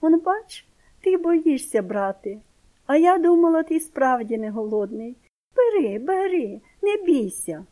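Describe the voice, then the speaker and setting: A woman's voice: fairly high pitch, animated, unhurried, hardly any pauses, darkish tone, pitched above the performer's own voice. A woman voicing a mocking village aunt who speaks in a sugary, scornful way.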